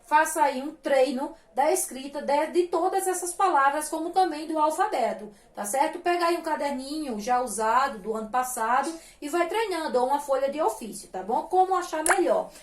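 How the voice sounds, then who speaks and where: A woman teaching young children with a Brazilian Portuguese accent, patient and sing-song, spelling syllables out slowly. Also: sits high, lively intonation, echoey room. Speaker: primary school teacher. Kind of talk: recorded lesson for young children.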